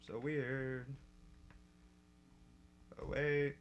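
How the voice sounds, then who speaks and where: The recording is muffled as a young man with an ordinary middle-pitched voice leads a casual coding tutorial from his desk, typing audibly in the background. He hosts modding tutorials, and his delivery is flat with a clean tone, though he's chatty and corrects slips fast.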